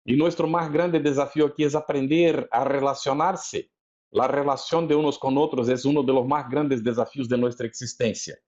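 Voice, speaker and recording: A man's voice: mid-range voice, fairly even intonation, normal speed, darkish tone. Didactic male lecturer, dull recording. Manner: didactic, often checks in with the audience with questions. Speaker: spiritist lecturer. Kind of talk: religious lecture.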